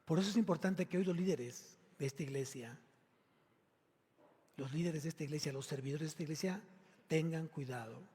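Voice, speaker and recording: A man's voice: on the high side, brisk, pauses often, breathy edge, in a large hall. A male pastor with a Mexican Spanish accent preaching an emphatic sermon, questioning his congregation directly. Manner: emphatic preaching, rising to loud exclamations. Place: church sanctuary.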